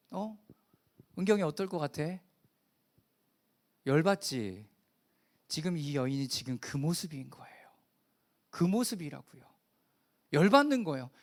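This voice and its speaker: A man's voice: extremely high pitch, a bit bright. A middle-aged man preaching a sermon as pastor, talking in a conversational way and asking the congregation questions.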